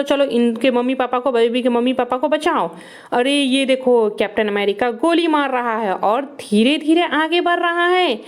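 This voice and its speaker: A woman narrates toy play for young children in a high, bright voice. She talks in excited exclamations and repeats words in rapid bursts. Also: clean tone.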